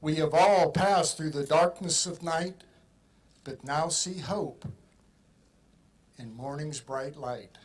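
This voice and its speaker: A man reading out a formal ceremonial proclamation like a town crier, declamatory and measured. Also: a little high, slightly rough, rough recording. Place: outdoor ceremony.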